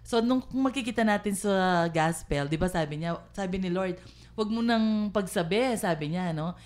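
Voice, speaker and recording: A woman from the Philippines sharing her faith story in casual, halting talk with many fillers. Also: medium pitch, darkish tone. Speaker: church member sharing testimony.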